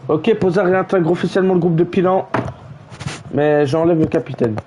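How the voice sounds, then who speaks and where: High-voiced man in slangy mock commentary. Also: steady tone, fairly quick, dull audio, background noise. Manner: slangy, teasing, mock-outraged. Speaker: streamer. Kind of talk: livestream gaming with mock match commentary.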